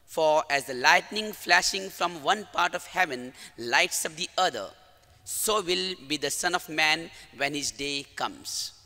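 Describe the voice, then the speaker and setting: Bright-voiced priest with cathedral echo. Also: male voice, on the high side, lively intonation. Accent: Indian English. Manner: formal, measured liturgical delivery. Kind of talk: reading the gospel and preaching a homily. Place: large church. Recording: long church reverb.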